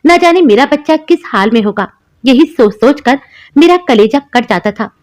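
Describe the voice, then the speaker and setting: A young woman narrating a first-person story in a steady, emotional storytelling manner. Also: fairly high pitch, moderate pace. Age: young adult.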